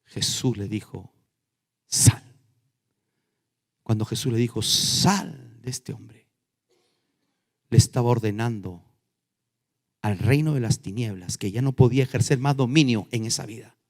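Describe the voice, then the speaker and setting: A male pastor preaching a sermon, swinging from loud emphatic lines down to hushed ones. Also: on the low side, brisk. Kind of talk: Spanish-language sermon. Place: church. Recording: long church reverb.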